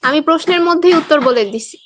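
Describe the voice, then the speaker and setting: High-voiced Bangladeshi woman teacher quizzing students. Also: fast, slight background noise. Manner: quizzing students, reading their answers aloud; teasing, playful. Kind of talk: online exam-prep class.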